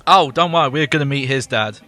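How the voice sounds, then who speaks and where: A male streamer gives casual gameplay commentary in a very bright, crisp voice. He rambles and laughs a lot as he plays. Faint game music sits under him. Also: medium pitch, brisk. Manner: chatty, rambling, laughs often.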